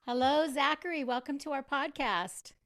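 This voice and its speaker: A woman's voice: sits high, normal speed, fairly bright tone. A woman hosting a podcast, talking casually as she introduces and interviews. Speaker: podcast host.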